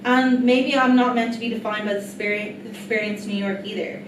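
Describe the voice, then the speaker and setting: A woman's voice: fairly high pitch, steady tone, a little fast. Woman reading a monologue in an echoey room. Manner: earnest, reflective, addressing the audience directly. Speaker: writer-performer of an autobiographical solo play. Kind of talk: rehearsed reading of a theatrical monologue. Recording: echoey, distant mic, noisy room.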